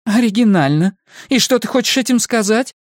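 A man reading an audiobook voices a furious, heartbroken woman who screams insults in a shrill high voice. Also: normal speed, a little mellow, no echo, clean studio sound. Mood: scornful. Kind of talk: audiobook dialogue.

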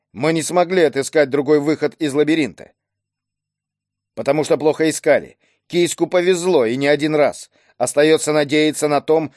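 Dry, unhurried, ironic grown man, voiced by a male reader, close dry sound. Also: a little high, darkish tone, dry recording, close to an everyday voice. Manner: dry mocking tone.

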